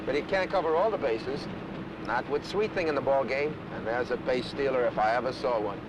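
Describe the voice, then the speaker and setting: An actor playing a cocky, playful young drifter in a 1960s TV drama. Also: male voice, medium pitch, fairly quick, lightly acted. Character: cocky young male drifter, girl-chasing. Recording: hissy old TV soundtrack.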